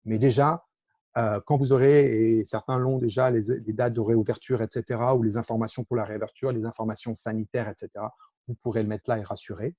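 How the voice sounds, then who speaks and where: A man's voice: medium pitch, steady tone, a little fast, dry recording, highs cut off. A man presenting an online workshop while sharing his screen, explaining steps in a hesitant way with many fillers. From France.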